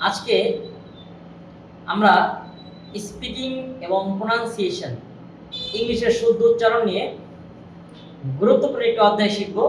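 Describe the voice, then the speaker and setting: A woman teaching English pronunciation in a spoken lesson. She talks slowly and patiently, repeating each example sound several times. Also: mid-range voice, distant mic, slight background noise. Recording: echoey room, voice from off-mic.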